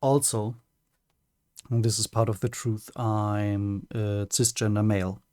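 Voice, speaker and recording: Speaking carefully through a prepared personal statement, a German-accented male streamer whose first language is German keeps pausing and restarting. He has a lowish, somewhat mellow voice that barely moves in pitch, captured in a dry recording.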